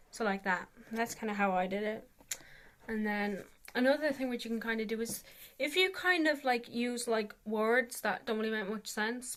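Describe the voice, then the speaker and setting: A woman's voice: fairly high pitch, a bit bright. A woman giving a casual, rambling tutorial as an amateur vocalist, hesitant and self-deprecating, saying "like" very often.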